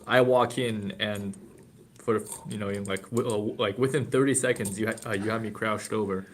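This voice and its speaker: A man's voice: fairly low pitch, steady tone, moderate pace, slight background noise. A man guest on a podcast, rambling with lots of fillers in casual banter.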